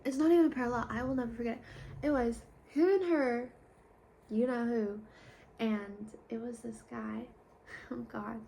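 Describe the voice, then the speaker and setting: A young woman talks through a casual confessional vlog, candid and rambling, now and then sinking into a whisper. Her voice sits a little high with a gravelly fry. A faint hiss runs under the recording. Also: darkish tone. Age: young adult. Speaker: vlogger.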